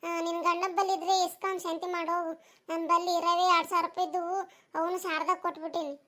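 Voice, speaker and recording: A woman's voice: extremely high pitch, flat delivery, fast talker, sharp tone. A woman voicing a worried older village woman who keeps complaining, with a North Karnataka Kannada accent. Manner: complaining, repeats her grievance.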